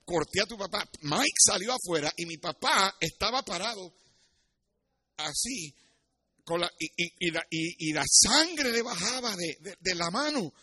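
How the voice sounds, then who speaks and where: A middle-aged man preaching a sermon in church, telling stories and rising into loud, emphatic passages. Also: high-pitched, lively intonation, measured pace, breathy edge, no room sound. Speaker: pastor.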